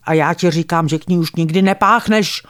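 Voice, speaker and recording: A furious grandmother yelling shrill, loud scoldings at a child, as a woman narrator puts her on. Her voice jumps higher and louder than the narration, in a dry, close reading. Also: no echo, lightly acted. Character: furious shrieking old grandmother.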